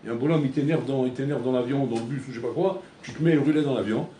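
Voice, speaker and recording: A male rabbi teaching in a loose, conversational way, often repeating himself and mixing in Hebrew words as he acts out everyday scenes. His voice sits at a middle pitch. The recording is roomy and echoey, with a faint hum of ambience behind. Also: rapid-fire, dark tone. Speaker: rabbi giving a Torah class. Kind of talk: sermon.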